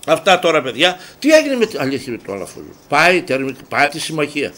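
Man, high voice, local sports TV host in a mocking, fired-up monologue. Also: wildly swooping pitch. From Greece. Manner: heated, mocking, rises to loud indignant outbursts.

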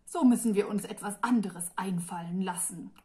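A woman's voice: mid-range voice, moderate pace, mellow, close to an everyday voice. A woman reading the part of an arrogant male devil with three tongues, smug and patronizing.

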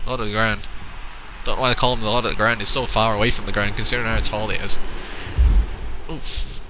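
A man doing goofy, pun-filled play-by-play wrestling commentary, full of excited exclamations. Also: on the low side, fast, background noise.

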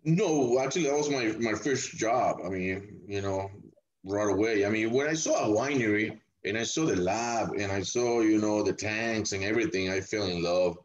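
Podcast guest: man from El Salvador, deep voice, easygoing and rambling, muffled lo-fi recording. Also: moderate pace. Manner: relaxed, rambling, many fillers. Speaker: winemaker guest. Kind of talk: casual podcast interview. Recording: dull lo-fi audio.

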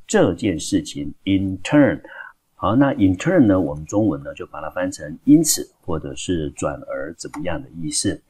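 A man from Taiwan with a Taiwanese Mandarin accent, patiently explaining an English textbook lesson to high school students. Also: lively intonation, normal speed, warm tone, breathy edge. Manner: patient, starts phrases with a filler.

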